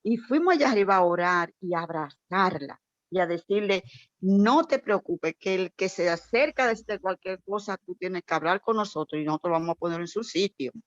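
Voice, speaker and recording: A woman tells an emotional church testimony in an animated, storytelling way. Her voice sounds dry and close, with a somewhat dull, lo-fi tone. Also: lowish voice, normal speed, no echo. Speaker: church member sharing testimony. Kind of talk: heartfelt testimony in a prayer meeting.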